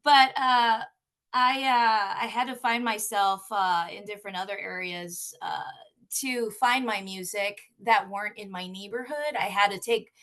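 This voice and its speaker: A woman from San Antonio, a guest musician talking candidly in an interview, swearing freely and filling pauses with "uh" and "you know". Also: medium pitch, fairly bright tone. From San Antonio, Texas. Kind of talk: casual interview talk.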